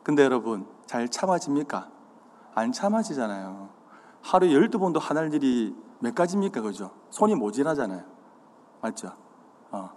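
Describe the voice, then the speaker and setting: In a church sanctuary with hall reverb, a man with a mid-range voice preaches at a normal pace. He quizzes his congregation with questions and animatedly acts out the signs of anger.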